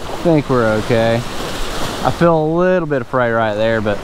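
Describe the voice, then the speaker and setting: A young adult fishing vlogger casually narrates his own beach fishing at the surf line, chatting to himself between casts in an animated, medium-pitched voice at normal speed. A wearable action camera records him outdoors, picking up wind noise and the sound of surf and waves.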